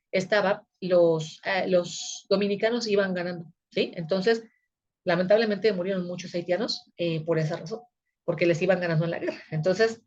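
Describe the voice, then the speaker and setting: A woman teaches a recorded video lecture conversationally, frequently checking that her listeners are following. Her voice is medium-pitched and a little mellow, and the audio sounds dull.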